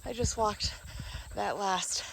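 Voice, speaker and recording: A woman's voice: medium pitch, takes it slowly, vocal fry, a little hiss or hum, poor audio. A woman from Missouri chatting casually to the camera outdoors on a trail, talking to her dog as she goes. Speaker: vlogger. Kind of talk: casual on-camera vlog chat.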